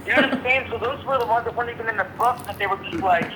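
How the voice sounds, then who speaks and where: Dude on speakerphone, kinda high voice, swears a lot, echoey noisy call. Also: male voice, rapid-fire. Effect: heard over a phone on speakerphone. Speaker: friend on a phone call. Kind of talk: casual chat.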